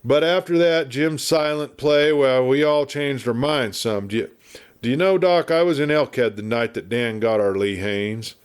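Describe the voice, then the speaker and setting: A man puts on a mid-range, smooth voice pitched a bit above his own yet close to everyday speech, at a moderate pace, to play a garrulous frontier marshal in a storybook. The marshal is good-natured but irascible, chattering in a folksy, blustery American Western drawl. The mood is gossipy and animated.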